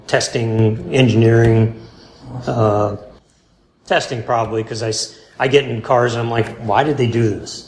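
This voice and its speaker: A man in a casual interview, rambling and halting, with many fillers and restarts, laid-back and self-deprecating. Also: mid-range voice. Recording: roomy with faint background hum.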